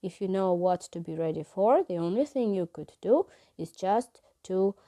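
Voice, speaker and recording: Hesitant, mellow-voiced woman from Ukraine. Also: medium pitch, animated, normal speed. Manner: hesitant, many fillers and restarts. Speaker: English teacher and vlogger. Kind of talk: casual vlog talk.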